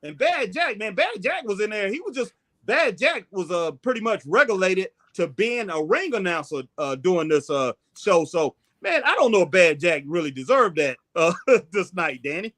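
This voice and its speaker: Male wrestling talk host, notably high voice, folksy and casual. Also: big pitch swings, normal speed, a bit bright. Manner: folksy, says "man" often. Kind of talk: casual sports chat.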